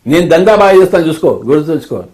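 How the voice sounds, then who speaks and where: Playful older man, quick and high. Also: animated, a little mellow. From India. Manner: playful, teasing, acts out quoted dialogue. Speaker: spiritual teacher being interviewed. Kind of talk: casual chat.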